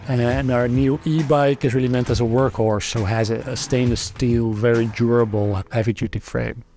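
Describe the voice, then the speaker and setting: A darkish, mid-range voice with a steady tone belongs to a middle-aged man from the Netherlands, who speaks with a Dutch accent at a moderate pace as a company founder in a documentary interview. He is thoughtful and keeps restarting his sentences, with many fillers.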